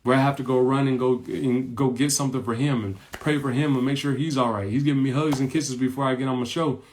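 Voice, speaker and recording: An adult man of ordinary pitch shares a personal story as a motivational lesson on his podcast. He speaks earnestly, circles back to repeat his points, and keeps checking in with the listener. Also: steady tone, quick pace, darkish tone. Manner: earnest, repeats points and tags lines with "right?". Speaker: podcast host.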